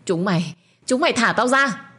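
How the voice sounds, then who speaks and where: A shrill, frantic young servant woman in an audio story, pitched well above her everyday voice and thrown out loud and hard, as a husky-voiced woman narrator acts her out. She is defiant and screams her accusations with raw force. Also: expressive, moderate pace, heavily acted. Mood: furious.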